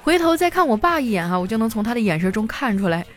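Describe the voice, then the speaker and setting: A young woman comedian telling funny anecdotes in a chatty, animated stand-up style. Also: on the high side, fast talker, soft background music. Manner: animated storytelling, chatty filler particles.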